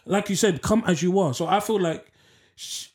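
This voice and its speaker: A young man speaks in a high voice with an urban London roadman accent. He gives casual advice like a talk show co-host, leaning on slang and repeating phrases for emphasis. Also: moderate pace, darkish tone. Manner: emphatic, repetitive, slangy delivery.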